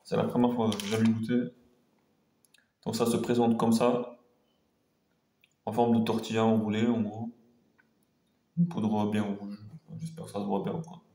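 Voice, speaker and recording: A man's voice: lowish voice, level tone, moderate pace, pauses often, dark tone. Man vlogging casually in a roomy echo. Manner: hesitant, rambling, repeating himself. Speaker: food taste-test vlogger. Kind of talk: casual chat to viewers. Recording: roomy echo, faint background noise.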